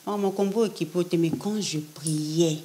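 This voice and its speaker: A young Frenchwoman, appearing as a prophetess guest in a relaxed interview, speaks in a lowish, unhurried, warm voice. She talks with emphasis, repeating phrases to drive points home, and mixes French with Lingala.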